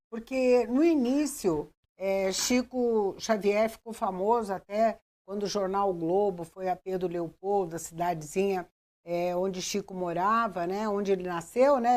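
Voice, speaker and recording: A woman's voice: medium pitch, unhurried, darkish tone. A woman hosting a talk show interview, prompting her guest. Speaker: host.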